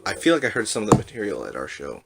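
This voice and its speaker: Young male podcast co-host, lowish voice, loose rambling delivery. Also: very animated, very fast, vocal fry, heavy background noise. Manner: rambling, laughs at own stories. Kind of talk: casual chat.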